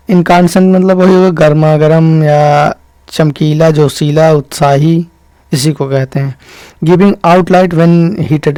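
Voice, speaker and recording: A man teaching an exam-prep vocabulary lesson. He explains step by step, checks in often, and reads the English definitions slowly. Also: on the high side, darkish tone, dry recording. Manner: explains step by step, keeps saying "ṭhīk" to check in.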